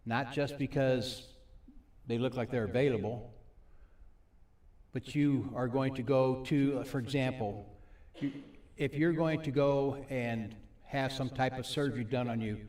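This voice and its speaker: A man teaching a live faith-based recovery group on stage, folksy, repeating points slowly for his audience. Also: mid-range voice, fairly even intonation, darkish tone, roomy sound. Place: church meeting room with audience and monitors.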